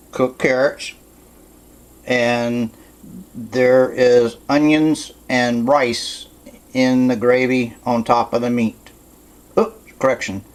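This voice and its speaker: Guy in his home kitchen talking slow through a cooking demo, plain way of talking, keeps fixing what he just said. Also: medium pitch, poor audio. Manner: slow, plainspoken, self-correcting as he goes. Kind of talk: casual cooking demonstration.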